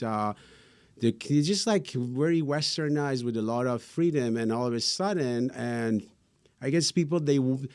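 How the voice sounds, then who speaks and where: A man's voice: medium pitch, darkish tone. A middle-aged man from Iran with an Iranian accent, answering interview questions earnestly and rambling with many fillers. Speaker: guest.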